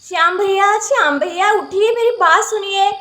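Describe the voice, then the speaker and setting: Woman playing an impatient village girl, very high bright voice, pushy, doll-play story. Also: normal speed. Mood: urging. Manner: pushy, urging.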